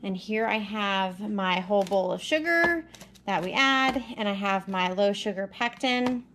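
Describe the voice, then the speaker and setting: Home cook, female, mid pitch; casual step-by-step kitchen talk, faint background hiss. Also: expressive, a little slow. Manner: chatty and practical, thinking aloud with fillers. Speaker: home cook and homesteading vlogger. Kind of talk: casual how-to narration while cooking. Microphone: camera mounted above the stove and counter.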